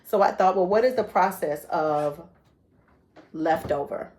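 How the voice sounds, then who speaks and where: A woman's voice: fairly low pitch, unhurried, a little mellow, a little hiss or hum. A woman giving an informal inspirational talk, storytelling in a conversational way and acting out the voices of people in her stories. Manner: conversational, asks "right?" often. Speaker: motivational speaker.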